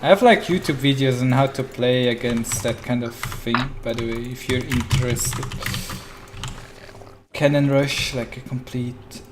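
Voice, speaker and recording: A man calmly commentating his own live strategy game, in a mellow, flat, laid-back voice, chatting and often laughing. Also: medium pitch, measured pace. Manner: mellow, flat monotone delivery. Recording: noisy with keyboard clatter. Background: keyboard typing and mouse clicks.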